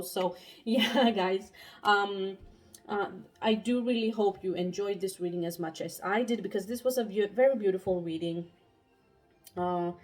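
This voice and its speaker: A young pregnant woman, out of breath, giving a tarot reading in a halting casual monologue full of fillers and restarts. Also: mid-range voice, darkish tone. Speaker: tarot reader.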